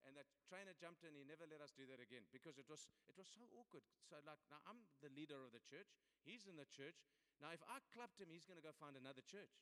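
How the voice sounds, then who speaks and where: Older south african preacher guy, high bright voice, big reverb hall, rambling stories. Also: animated, quick pace. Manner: chatty, storytelling preacher with laughs and repetitions. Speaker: pastor. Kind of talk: sermon.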